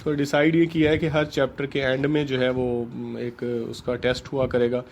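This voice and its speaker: A middle-aged man, teaching an English text, who reads each phrase slowly, lists synonyms and translates. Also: medium pitch, little pitch movement, darkish tone, slight background noise. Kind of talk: lecture explaining an English text.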